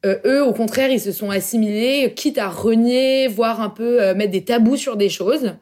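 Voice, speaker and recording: A young woman from Paris, France, joins a casual round-table podcast as a guest, talking loosely with slang and plenty of hesitations. Her voice is fairly high with a darkish tone, at a normal speed.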